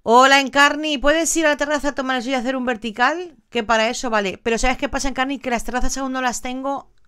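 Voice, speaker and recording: A woman's voice: high-pitched, steady tone, fast talker, bright, forceful tone, clean tone, no room sound, clean studio sound. An older woman from Valencia in Spain, hosting a live stream in a chatty, affectionate way and greeting viewers by name. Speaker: live stream host reading viewer comments. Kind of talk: casual live chat.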